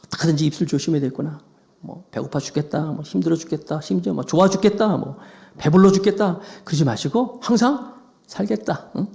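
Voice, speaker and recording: Male pastor, sermon, animated preaching, fairly high voice. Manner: animated preaching, acting out quoted lines with rising pitch.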